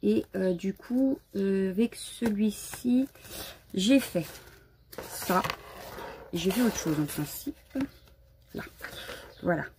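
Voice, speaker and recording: A woman's voice: lowish voice, creaky, warm tone, husky. A woman hosting a casual live crafting stream from home, chatty and a bit scattered, greeting viewers as she shows her supplies. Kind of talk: casual live unboxing chat.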